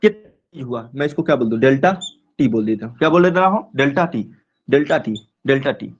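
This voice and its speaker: A man teaching a chemistry class online, asking rhetorical questions and answering them himself, repeating key terms slowly. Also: medium pitch. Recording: dull lo-fi recording.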